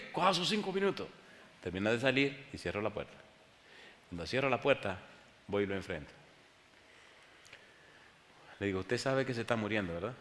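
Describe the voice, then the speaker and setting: A man preaching a sermon, telling a story with sudden shouts and hushed asides, speaking to his congregation. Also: fairly low pitch. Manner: dramatic, swings from loud cries to hushed tones, addresses congregation. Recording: echoey hall with faint noise.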